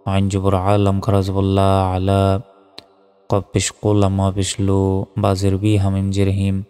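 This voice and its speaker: A man's voice: deep voice, monotone, unhurried, dark tone, smooth. A man teaching Quran reading, spelling each letter and vowel in turn and then chanting the whole word in a melodic recitation. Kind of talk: slow spelling-out recitation lesson. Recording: reverberant with faint background music.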